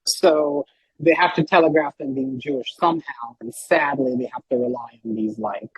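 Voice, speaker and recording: A man talking as a podcast guest, rambling and animated, with lots of filler words and a husky voice. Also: a little high, normal speed, no room sound, rough recording. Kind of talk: casual podcast chat.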